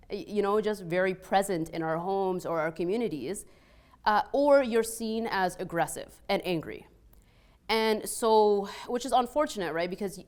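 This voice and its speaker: With a mid-range voice and a light Egyptian Arabic accent over largely Canadian speech, an Egyptian woman in her thirties tells personal stories during a panel. She owns a restaurant and is a peace scholar. She talks in an animated, chatty way, leaning on "like" and "you know" and acting out quoted back-and-forths.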